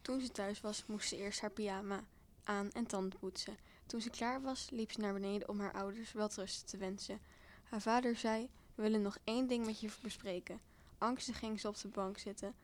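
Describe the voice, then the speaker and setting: A woman's voice: medium pitch, fairly even intonation, fairly quick, slight background noise. Young woman reading a story aloud.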